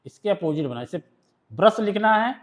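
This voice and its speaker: A man's voice: sits high, animated. A man with an Indian accent teaching a shorthand lesson, explaining rules step by step and often checking whether his students have understood. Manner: reads rules aloud in English slowly, then explains in Hindi. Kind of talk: classroom lesson.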